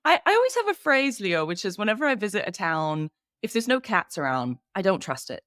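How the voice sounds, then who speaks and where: A woman co-hosting a podcast, chatting in a friendly, expressive way and laughing easily. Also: medium pitch, fairly quick, no room sound, clean studio sound. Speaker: podcast co-host. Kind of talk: casual podcast chat.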